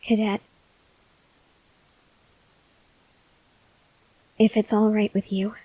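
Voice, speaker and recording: A woman voice actor speaks in a husky mid-range voice, recorded dry and at low quality, as a starving female vampire researcher in an ASMR roleplay monologue addressed to the listener. The character is weary, earnest and gently pleading; acting faint and weak with hunger, she hesitantly pleads in a soft, slow, halting way, with long pauses and frequent whispers.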